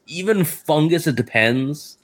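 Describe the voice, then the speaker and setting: A man's voice: on the high side, expressive, measured pace. A man hosting a casual discussion in a conversational way.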